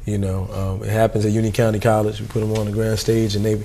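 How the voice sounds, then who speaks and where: A man's voice: fairly low pitch, quick pace. A man, a youth program staffer, talking casually in an interview with many fillers. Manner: relaxed, informal, many fillers.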